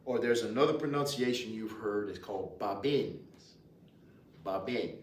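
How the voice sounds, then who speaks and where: A man with a Louisiana Cajun accent teaching an informal language lesson, deliberate and repetitive, with hesitant pauses. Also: on the low side. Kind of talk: informal lesson, explaining and repeating words. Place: indoors in a library. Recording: roomy, distant mic, faint noise.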